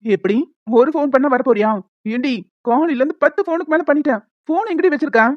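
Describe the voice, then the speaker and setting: Fast-talking angry cartoon man, voiced by a woman. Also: high-pitched, no room sound, close to an everyday voice. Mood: scolding. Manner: scolding, fast. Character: hot-tempered young man, protective husband. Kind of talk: cartoon dialogue. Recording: dull lo-fi dry sound.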